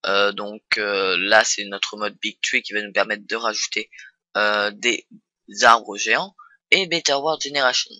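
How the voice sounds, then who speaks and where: A man's voice: fairly low pitch, steady tone, a little slow, bright, forceful tone, no room sound. A young man talking through a casual computer tutorial, hesitant and full of fillers and restarts. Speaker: tutorial host. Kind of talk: casual screen-recorded tutorial.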